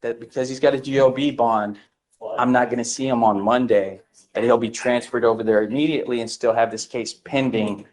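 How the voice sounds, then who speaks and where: A man's voice: medium pitch, steady tone, a little fast. A male defense attorney in a courtroom, casual and agreeable, often answering in short replies. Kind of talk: courtroom discussion.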